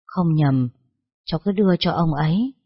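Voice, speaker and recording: An elderly grandmother, voiced by a storyteller, speaks in a quavering, slightly husky voice. The sound is dry and close, and the recording is dull and lo-fi. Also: mid-range voice, expressive, normal speed, no echo. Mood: tearful. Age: over 60. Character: elderly grandmother, long-waiting, tearful.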